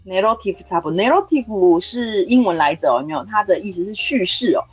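A woman's voice: medium pitch, expressive, quick pace, husky, no echo, faint music behind, poor audio. A woman language teacher explaining a word casually, often checking in with her listeners. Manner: explains words with repeated "you know?" checks. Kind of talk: casual lesson.

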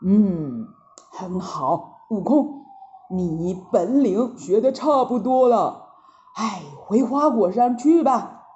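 A woman voicing a calm, kindly old male teacher in a storybook, speaking low and gently. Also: dull audio. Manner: low, slow, gentle speech.

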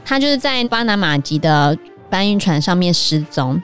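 A woman with a fairly low voice and a Taiwanese Mandarin accent lays out real cases on a casual podcast. Light music plays under her. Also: sing-song, moderate pace. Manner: explanatory, recounting case facts. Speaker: podcast co-host. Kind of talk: casual book-club chat.

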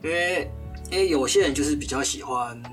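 A man's voice: a little high, brisk, soft background music. A man co-hosting a podcast, easygoing and playful in casual chat. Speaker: podcast co-host.

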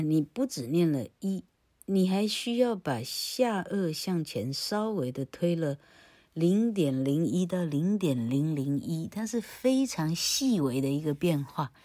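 A woman leads a recorded pronunciation lesson. Her tone is husky and a little breathy. She jokes freely and drags out sounds slowly to demonstrate them. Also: low-pitched, lively intonation, mellow. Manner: jokey and playful, ends phrases with a chatty "ha" tag, laughs at her own stories. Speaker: English pronunciation teacher. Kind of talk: recorded classroom lecture.

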